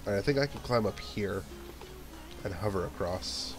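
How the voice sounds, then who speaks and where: A let's play gamer with a congested nose speaks at a moderate pace in a voice on the low side. Game music plays beneath him as he casually narrates and reasons through his next move.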